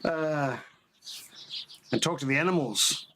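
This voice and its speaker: A man's voice: on the high side, takes it slowly. Chatty man on a noisy live stream. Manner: rambling, chatty, laughs often. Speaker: homebrew channel host. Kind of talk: casual live-stream chat. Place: at home, near the garage, partly outdoors. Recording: noisy outdoor audio with birdsong.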